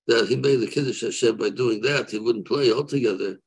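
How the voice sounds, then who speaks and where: A man in his seventies, a rabbi answering questions off the cuff on a video call, haltingly repeating and rephrasing as he weighs both sides. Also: medium pitch, husky, rough recording. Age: 70s. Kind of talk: unscripted religious question-and-answer. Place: room, seated on a video call. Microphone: video call microphone.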